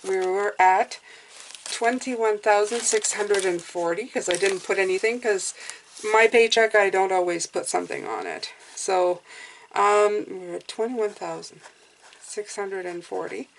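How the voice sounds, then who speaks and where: Female budgeting vlogger, casual walk-through delivery, whistly s sounds, noticeable vocal fry, slight noise behind. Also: mid-range voice, a little slow, poor audio. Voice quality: whistling s from clear aligners.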